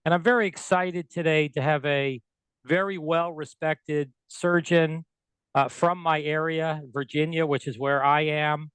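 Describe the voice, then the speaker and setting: A man's voice: a little high, fairly even intonation, unhurried, a bit bright, smooth, dry recording, rough recording. Host: middle-aged man, friendly and upbeat, clean voice on a dry close mic. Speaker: podcast host, surgeon. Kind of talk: podcast interview.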